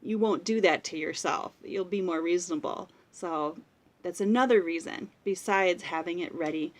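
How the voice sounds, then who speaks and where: A woman's voice: on the low side, normal speed. A woman in her thirties, a mother and blogger, talking casually and rambling to viewers on a live stream, laughing often and drifting off topic. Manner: chatty, rambling, laughs often, goes off on tangents. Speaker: blogger hosting a Facebook live.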